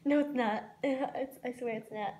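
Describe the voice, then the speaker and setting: A woman's voice: high-pitched, a little slow, mellow, a little hiss or hum. A giggly teenage girl coaxing her partner in casual playful banter in a home kitchen, recorded on a phone camera. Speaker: challenge vlog partner.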